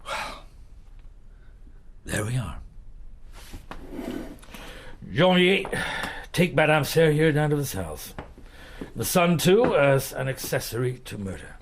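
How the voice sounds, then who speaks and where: Playing a shrewd, relentless detective chief in his middle years, a male radio-drama actor questions deliberately, with pauses, in a gravelly, husky mid-range voice full of big pitch swings. The tone is brisk yet weary, and a little hiss or hum is audible.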